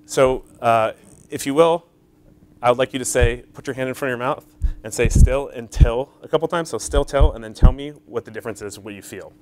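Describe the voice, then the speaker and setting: A man's voice: medium pitch, quick pace. Man lecturer, engaging, checks in with the audience; slight background hum. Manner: explains step by step, checks in with "right?" and "okay?"; frequent fillers, engages the audience. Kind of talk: academic conference talk.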